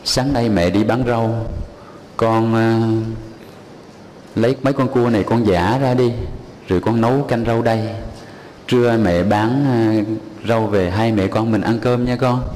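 A man's voice: fairly low pitch, a little slow, darkish tone, in a large hall, a little hiss or hum, lightly acted. A man voicing a weary widowed village mother. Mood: gentle.

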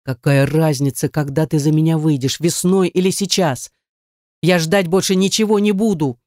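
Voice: medium pitch, fairly even intonation, moderate pace, darkish tone, no echo, lightly acted. Bossy jealous guy growling orders, narrator doing him, dry close mic. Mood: stern. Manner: stern, growling. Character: domineering jealous man, growling. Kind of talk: audiobook dialogue.

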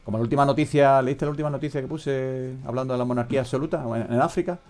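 A man's voice: medium pitch, fairly even intonation, rapid-fire, a little mellow. A man hosting a casual comedic radio chat, rambling and joking and often trailing off mid-sentence. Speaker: podcast host.

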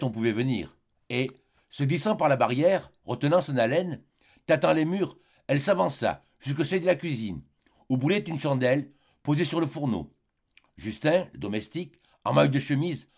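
A man narrating a literary audiobook in a measured, dramatic way, with short phrases and pauses. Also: mid-range voice, expressive, vocal fry, darkish tone, breathy edge. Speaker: audiobook reader.

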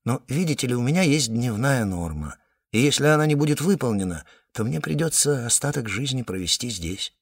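A man's voice: lively intonation, fairly quick, husky. A man voicing a stern, businesslike male monster collector who speaks curtly and firmly. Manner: curt, firm, low-key.

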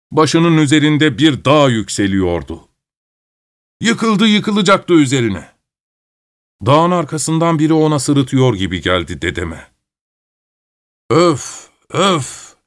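A man reading a folk tale aloud as a storyteller, lively and expressive, with acted-out exclamations. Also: fairly high pitch. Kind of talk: scripted narration.

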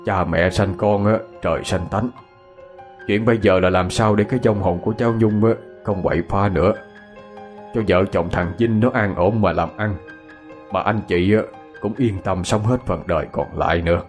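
A grave older father, as a male storyteller puts him on speaks in a low, measured Southern Vietnamese voice. Soft music sits behind the audio ghost story. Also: lightly acted.

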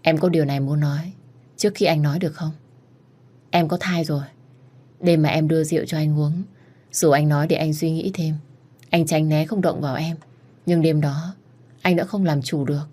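A woman's voice: sits low, steady tone, normal speed, pauses often, mellow. Woman voicing a scheming young rival. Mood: pleading.

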